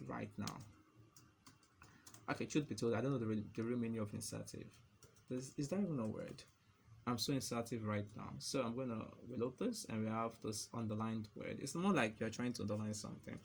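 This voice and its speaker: A man's voice: medium pitch, gravelly, slight background noise. A man giving a casual, chatty coding lesson, joking and laughing at himself as he types and explains. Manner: chatty and playful, laughs at his own jokes. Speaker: coding tutor.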